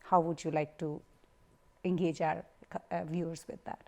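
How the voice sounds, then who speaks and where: A woman's voice: low voice, flat delivery, normal speed, darkish tone. A woman hosting a TV talk show, introducing her guest effusively and asking long, formal questions. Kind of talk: hosting an interview.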